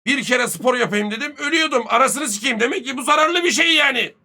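Bright, brash man joking with chat. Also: very high-pitched, fast. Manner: crude, swearing, joking banter; lively, swings loud and soft. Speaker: streamer. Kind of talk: casual live-stream chat with viewers.

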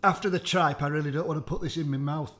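Sweary man, slightly high voice. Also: steady tone, fast, fairly bright tone. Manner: sweary, theatrical complaining and groaning. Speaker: food challenge host. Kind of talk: comedic food-tasting vlog.

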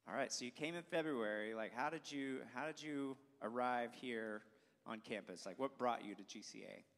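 A young man on the school staff hosts a student interview on a church stage, holding a handheld mic. He's upbeat and tends to restart his sentences, speaking at a medium pitch and moderate pace with a slightly bright tone. The large hall gives the recording a long reverb.

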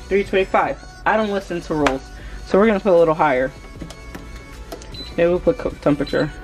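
A woman's voice: fairly low pitch, low-quality recording. Chatty woman vlogging in her kitchen. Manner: chatty, excitable, talks to viewers while working. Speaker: cooking vlogger. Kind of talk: casual cook-along narration. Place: home kitchen, indoors.

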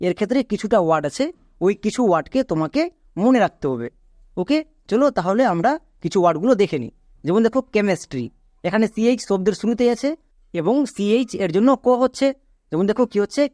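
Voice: medium pitch, lively intonation, fast, darkish tone, dry recording, studio quality. A teacher explaining English spelling rules step by step, drilling each point by repeating it and spelling words out letter by letter.

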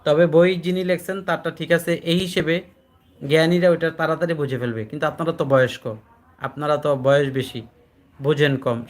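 A man with a slightly raised pitch speaks in to a classroom of adult learners, teaching Quran recitation. He explains each rule more than once and keeps checking that they follow. When he recites examples he slows to a drawn-out chant. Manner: patient, repetitive, checks understanding with questions; chants recited words slowly, drawing out syllables. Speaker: addressed as hujur by students.

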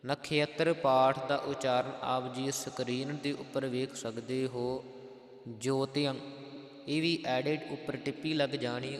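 A man teaching the correct recitation of scripture, chanting each verse slowly and then explaining how to pronounce it. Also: mid-range voice. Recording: echoey room with long reverb.

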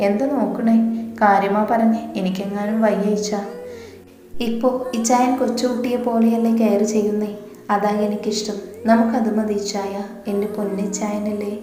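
Woman reading as a teasing young woman: steady flat delivery, echoey room with long reverb. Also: medium pitch, normal speed, close to an everyday voice. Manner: teasing, coaxing.

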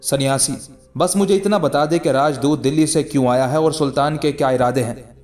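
A man's voice: fairly high pitch, a little fast, darkish tone, soft background music, lightly acted. A man reading as a scheming, coaxing king.

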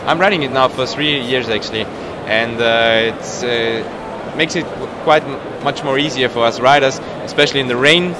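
Speaking at a normal speed in a mid-range voice, this roughly thirty-year-old pro cyclist gives a relaxed interview in English, which isn't his first language, and hunts for the right words. The recording comes from a trade show booth indoors, full of hall noise.

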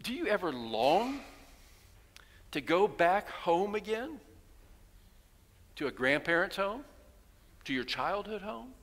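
Pausing often and speaking slowly, this older male pastor has a high, fairly bright, very animated voice. In his sixties, he stands at the pulpit of a large sanctuary, spinning stories, posing rhetorical questions, and imitating townspeople. A headset mic catches him amid the church hall's long reverb.

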